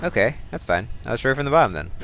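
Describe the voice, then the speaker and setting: A man's voice: mid-range voice, big pitch swings, very fast, over music. A man hosting a let's play, chatting casually and thinking aloud as he plays, drifting into side stories. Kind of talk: casual gameplay commentary.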